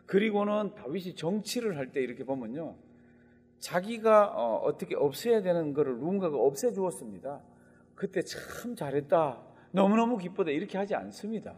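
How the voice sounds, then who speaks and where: A husky-voiced male pastor preaches in a lively, swooping delivery that sits on the higher side for a man. He acts out quoted lines with sudden loud outbursts. His voice rings through the long reverb of a church hall. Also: a little fast. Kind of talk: sermon.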